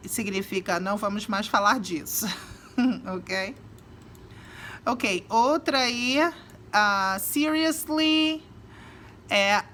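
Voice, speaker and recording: A woman from Brazil, an English teacher, talks through common phrases in a relaxed video lesson. She explains patiently and acts out example lines. Faint noise hums behind her voice. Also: medium pitch.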